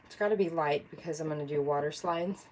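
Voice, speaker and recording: A woman's voice: deep voice, quick pace, a little mellow, a little hiss or hum, rough recording. A woman chatting casually during a live craft stream, congested from allergies, thinking aloud and answering viewers by name. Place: home craft workspace.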